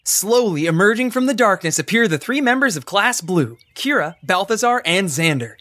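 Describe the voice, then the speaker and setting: A woman giving expressive, scripted narration for a fantasy audio drama. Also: mid-range voice, normal speed, no echo.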